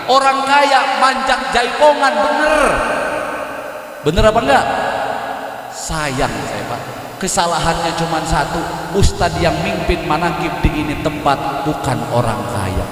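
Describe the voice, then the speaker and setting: A man preaching a sermon, joking his congregation, singing some phrases and now and then rising to a shout. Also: a little high, expressive, unhurried. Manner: call-and-response with the congregation, joking; often sings phrases and rises to shouting. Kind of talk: sermon at a religious gathering. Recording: echoey hall from far off.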